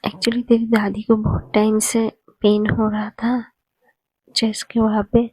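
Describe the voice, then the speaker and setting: A woman voicing a gentle, loving middle-aged mother who speaks in a soft, hushed way. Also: mid-range voice, completely flat delivery, measured pace, slightly rough, dry recording, poor audio. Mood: worried.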